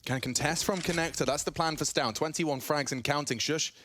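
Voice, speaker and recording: A man's voice: fairly high pitch, fairly quick, fairly bright tone. A man commentating a live esports match as a play-by-play caster, with a dramatic delivery. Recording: clear game gunfire and clicking noise behind. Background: game gunfire and clicks.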